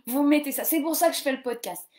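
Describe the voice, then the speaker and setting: A woman's voice: sits high, fast, a little mellow. Chatty French woman in her forties. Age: 40s. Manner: chatty, self-mocking, with many restarts and fillers. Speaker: yoga teacher and podcast host. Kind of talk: casual live-stream chat about reading. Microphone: computer or phone camera on a live stream.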